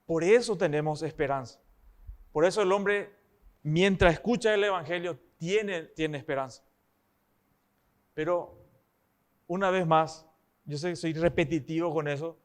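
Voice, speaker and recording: A man's voice: a little high, a little slow, pauses often. A man, preaching a sermon. He speaks emphatically and keeps checking in with rhetorical questions to his listeners.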